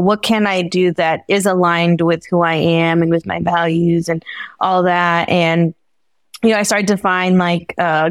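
A woman's voice: on the low side, no room sound. A young woman from the Bay Area, a podcast guest talking casually, laughing often and using lots of fillers. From San Francisco Bay Area. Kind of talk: casual interview talk.

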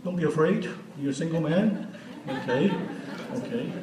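A man's voice: fairly high pitch, animated, normal speed, darkish tone, slight background noise. A man of sixty giving an unscripted church teaching as a guest speaker, earnest and often asking the audience questions. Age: 60s. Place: church hall. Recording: roomy hall audio from a distance.

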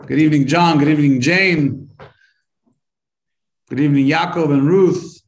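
A man with a fairly high voice leads a live-streamed Torah class. He talks in a chatty, upbeat way, like a teacher warming up his regular students. The room gives his voice a noticeable echo. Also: moderate pace. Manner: chatty, upbeat teacher greeting viewers by name.

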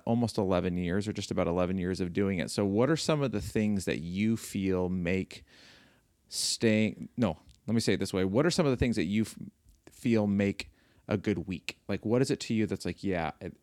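A man's voice: on the low side, darkish tone, dry recording, studio quality. A man in his forties hosting a casual podcast at home, rambling and correcting himself as he teases his wife. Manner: rambling, self-correcting, teasing. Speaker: podcast host. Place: living room floor at home.

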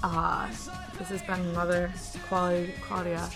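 A young woman from the northern US co-hosts a casual podcast, tossing out wry one-liners and laughing often. Her voice is lowish in pitch yet sharp and bright in tone. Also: monotone, moderate pace, creaky, faint music behind. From northern United States. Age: 20s. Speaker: podcast co-host. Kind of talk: casual chat.

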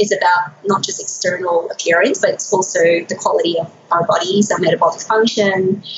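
A middle-aged anti-aging physician, born in Myanmar and raised in Hong Kong and Australia, answers interview questions about her career in a conversational way. Her native language is Burmese, her accent is slightly Australian, and her voice sits on the low side. The recording has roomy echo, a dull sound and faint noise.

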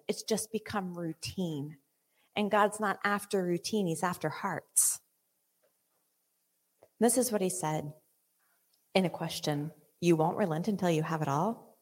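A woman preaching a charismatic sermon to a room, animated and playful, acting out quoted voices, then dropping low and intense. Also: breathy edge, big-room sound. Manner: animated, acts out quotes of God and the congregation. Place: church meeting room.

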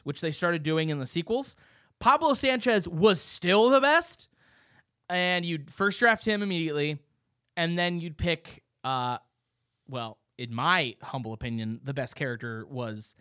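A young man co-hosting a casual podcast chat, excited and rambling, swearing freely as he reminisces. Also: high-pitched, no echo, clean studio sound. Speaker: podcast co-host.

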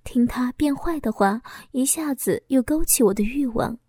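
A woman narrating a first-person audio story in a soft, intimate reading voice, sometimes dropping to a whisper. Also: high-pitched, moderate pace, breathy edge, no echo, studio quality.

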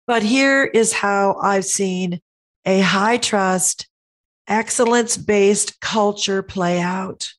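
A middle-aged woman hosting a podcast, speaking in an earnest, teaching tone with a voice hoarse from a cold. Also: mid-range voice. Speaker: podcast host. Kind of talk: podcast monologue.

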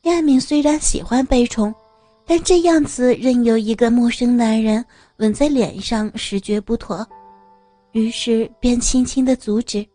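Mellow-voiced woman narrating a story. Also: fairly high pitch, unhurried, no room sound, faint music behind.

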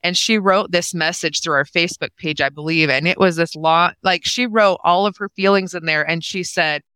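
A woman in her forties tells a heartfelt story in a bright, crisp voice. She acts out each person's lines as she goes. The sound is dry and close. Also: fairly low pitch, normal speed, dry recording. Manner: emotional, acts out quoted dialogue. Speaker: guest, nonprofit co-founder. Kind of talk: casual conversational storytelling.

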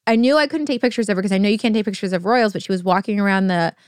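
A young woman co-hosting a podcast, an actor telling animated stories in casual chat, full of "like". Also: medium pitch, rapid-fire, clear, resonant tone, no echo, studio quality. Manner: animated storytelling, heavy use of "like". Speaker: podcast co-host.

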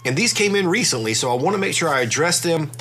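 A middle-aged man hosting a podcast in a relaxed, conversational way, his voice congested and stuffy from a cold. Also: a little high, quick pace, faint music behind. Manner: relaxed, conversational, with fillers and restarts. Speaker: podcast host. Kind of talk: casual podcast talk.

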